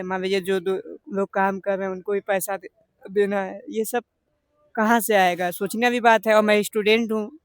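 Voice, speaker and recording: Young guy w/ banaras hindi accent, high smooth voice, rambly and earnest, dry close sound. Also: dry recording. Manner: earnest, rambling with many fillers. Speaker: interviewed business owner. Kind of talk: conversational interview answers.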